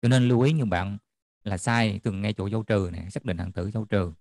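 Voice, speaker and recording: A man's voice: lowish voice, quick pace, darkish tone, no room sound, studio quality. A man tutoring a math class online, checking in often with students as he explains. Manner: checks in often with students, repeating "được chưa?".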